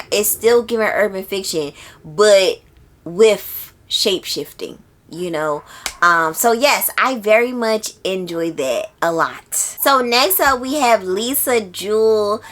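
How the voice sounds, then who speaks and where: Casual and slangy, a woman book vlogger talks to her audience at medium pitch, often repeating words expressively to drive a point home.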